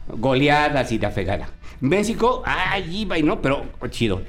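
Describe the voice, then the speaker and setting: A man playing a sad, cheeky Korean soccer fan who jokes loudly in crude slang and flirts. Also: a little high, sing-song, moderate pace. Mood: joking. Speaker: comedy guest character. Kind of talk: comedy sketch on a live show.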